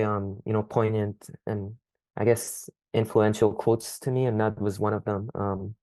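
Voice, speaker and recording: Young man, low level voice, hesitant with frequent ums, guest on a call. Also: a little mellow, no echo. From Scotland. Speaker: podcast guest. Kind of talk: casual interview answers.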